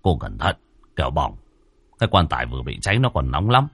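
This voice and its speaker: A man voicing a steady older village man in a ghost story, speaking low and calmly. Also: a little fast, creaky, husky, no echo, exaggerated voice. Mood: cautioning. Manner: low, calm and commanding.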